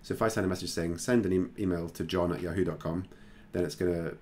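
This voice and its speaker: A man hosting a screen-recorded software tutorial, talking casually and thinking aloud with plenty of fillers. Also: low voice, steady tone, fast talker, a little hiss or hum. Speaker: tutorial host.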